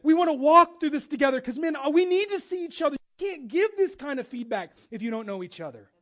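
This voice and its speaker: A man preaching a sermon as pastor, animated and jokey, acting out quoted voices with casual asides. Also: very high-pitched, fast talker, lo-fi sound. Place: church.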